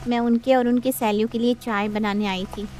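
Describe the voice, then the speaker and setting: A woman voicing an honest, patient nanny in a cartoon story, calm and polite. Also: on the high side, a little fast, faint music behind, natural voice.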